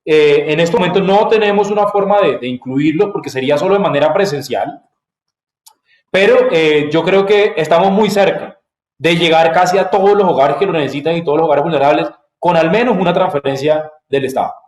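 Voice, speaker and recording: Colombian man, panelist, halting, restarts, roomy echo, raised pitch. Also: darkish tone. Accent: Colombian Spanish. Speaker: forum panelist. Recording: echoey room.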